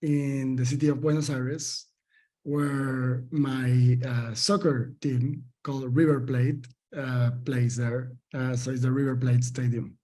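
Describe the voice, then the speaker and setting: A man's voice: medium pitch, level tone, slow, warm tone. A man from Argentina with an Argentine Spanish accent, a company founder answering interview questions thoughtfully, with many fillers and restarts.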